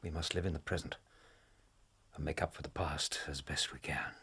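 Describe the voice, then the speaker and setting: An actor playing a gentle, wry male doctor and companion in a radio drama, with dry, understated remarks. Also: rumbling low, fairly even intonation, moderate pace, breathy edge, dry recording, in a whisper, full character voice. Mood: melancholy.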